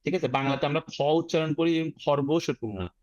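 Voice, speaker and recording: A man's voice: fairly high pitch, fairly quick, a little mellow, no room sound, lo-fi sound. A man with a Bangladeshi accent teaching an online IELTS class, breaking words into sounds and having students repeat them. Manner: drills words syllable by syllable, mixing English phrases into his explanations.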